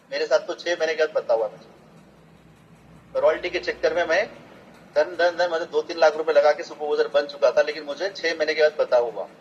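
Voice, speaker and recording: Male presenter, persuasive pitch-meeting delivery, dull lo-fi recording. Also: slight background noise. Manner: rallies the audience with rhetorical questions. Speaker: business presenter. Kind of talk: motivational sales presentation. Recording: dull lo-fi sound with faint ambience.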